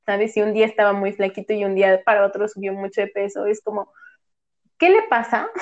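A woman's voice: mid-range voice, steady tone, brisk, darkish tone. Chatty woman, slightly muffled. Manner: chatty, peppers speech with "¿sabes?". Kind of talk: casual chat. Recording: slightly dull lo-fi audio.

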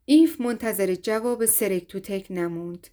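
A woman narrating a story in a steady, even reading voice. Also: medium pitch.

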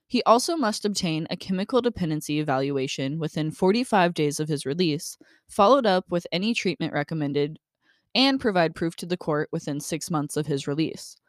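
A woman's voice: deep voice, animated, brisk, dry recording, studio quality. A young adult woman co-hosting a true crime podcast, reading case details and venting bluntly with swearing. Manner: reads case facts then vents bluntly with swearing. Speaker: podcast co-host.

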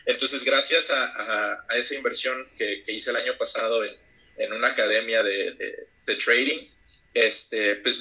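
A man's voice: mid-range voice, bright, forceful tone, lo-fi sound. A man with a Mexican Spanish accent, chatting as an interview guest, reflective and full of restarts. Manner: reflective, many hesitations and restarts. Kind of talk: casual interview chat.

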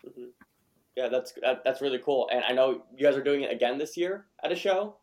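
A man's voice: mid-range voice, expressive, fairly quick, a little mellow. A man hosting a casual podcast interview, easygoing and encouraging, often repeating words as he thinks of the next question. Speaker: podcast host.

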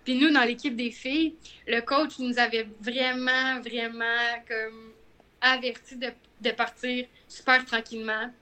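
A young woman with a Quebec French accent tells a story in relaxed podcast chat. Her voice sits high and sounds bright and forward. She acts out each quoted line with animation. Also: measured pace. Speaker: guest runner.

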